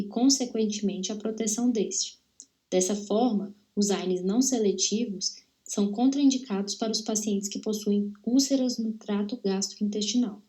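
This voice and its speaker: A young woman from Brazil reads her seminar presentation aloud. She works through the technical terms steadily and carefully. Her voice is mellow and warm. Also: mid-range voice. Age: young adult. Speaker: dental student presenting.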